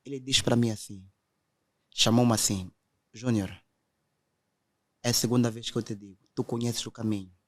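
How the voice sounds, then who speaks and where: A man's voice: mid-range voice, fairly even intonation, moderate pace, long pauses. Earnest man telling his testimony. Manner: earnest storytelling, quotes others directly. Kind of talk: emotional testimony in conversation.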